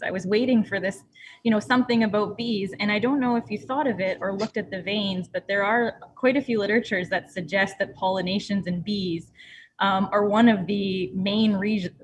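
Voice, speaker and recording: A woman's voice: medium pitch, slight background noise, low-quality recording. Woman giving feedback on a video call. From Montreal. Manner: thoughtful, appreciative, meandering. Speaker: competition juror. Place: small home room.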